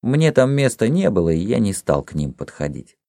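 A man narrating a novel in first person in a measured, expressive audiobook reading. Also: fairly low pitch, gravelly, dry recording, studio quality.

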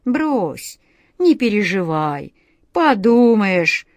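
A woman voicing an excitable striped male cat wizard who talks fussily and gabbles shrilly when upset. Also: medium pitch, extremely slow, no echo, studio quality, full character voice. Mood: soothing.

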